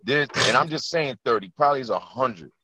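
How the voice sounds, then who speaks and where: A man's voice: mid-range voice, lively intonation, fairly quick, pushed and bright, husky, dry recording. A man speaking earnestly in an impassioned group discussion, heard over an online conference call and repeating his key points. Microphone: computer or phone mic on a video call. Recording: dull, dry conference-call audio.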